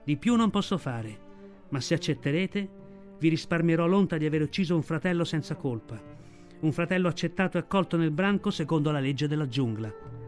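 A man voicing an old, weary male wolf leader, speaking slowly and solemnly in a storybook reading. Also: a little high, expressive, soft background music, lightly acted. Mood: dignified. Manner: slow, solemn and measured.

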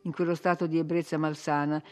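A woman narrating a classic novel as an audiobook in a measured, expressive storytelling manner. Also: low voice, soft background music.

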